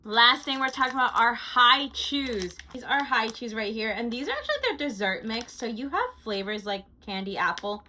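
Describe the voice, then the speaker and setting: Chatty woman doing a monthly recap vlog, bright crisp tone, gushes a lot, says like a ton. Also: a little high, animated, normal speed, hardly any pauses, a little hiss or hum, poor audio. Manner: gushing and chatty, with frequent "like". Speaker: lifestyle vlogger.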